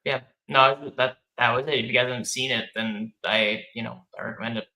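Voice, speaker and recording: A man co-reviewing in casual chat, speaking in a halting, tentative way. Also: mid-range voice, fairly even intonation, pushed and bright, rough recording.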